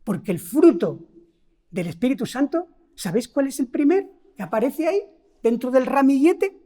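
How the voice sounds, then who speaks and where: With a high, mellow, sing-song voice at normal speed, a middle-aged Spanish woman delivers a sermon in a Spain Spanish accent. She emphasizes important words and asks the congregation rhetorical questions.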